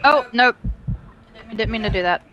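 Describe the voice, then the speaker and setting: A woman's voice: on the high side, normal speed, a bit bright, dull audio, slight background noise. A woman streaming an online shooter with friends, by turns exasperated and reassuring. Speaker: streamer playing with her husband. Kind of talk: casual game chat.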